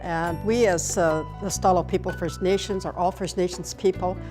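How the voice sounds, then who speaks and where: A woman's voice: fairly low pitch, fairly even intonation, normal speed, music in the background. A woman managing a cultural center, explaining its history with proud emphasis. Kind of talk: guided explanation.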